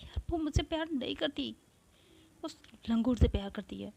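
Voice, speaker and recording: A woman's voice: high voice, animated, moderate pace, creaky, warm tone, pitched above the performer's own voice, exaggerated voice. A woman narrator voicing a jealous, hurt and angry young woman, speaking in a raised, upset way.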